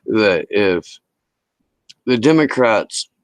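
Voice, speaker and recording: A man's voice: expressive, very slow, dry recording. A man hosting a livestream, talking casually and emphatically about politics with heavy swearing, heard over close headset-style audio. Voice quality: low-pitched voice. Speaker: livestream talk show host. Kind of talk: casual political rant to a live chat.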